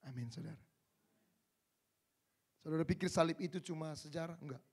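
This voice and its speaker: A male pastor delivers a sermon with a fairly high voice. He talks straight to the congregation, dropping to near-whispers before rising to loud, shouted peaks. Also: brisk, gravelly, breathy edge. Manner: swings from quiet asides to shouted climaxes; addresses the congregation directly. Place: church service.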